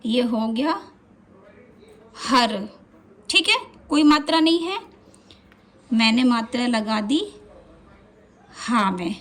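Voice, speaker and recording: A woman teaching a beginner spelling lesson, speaking at a very slow, deliberate pace. She draws each syllable out for practice and keeps asking the viewer what a word becomes. Her voice sits slightly high. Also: lively intonation, fairly bright tone. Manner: asks questions to the viewer.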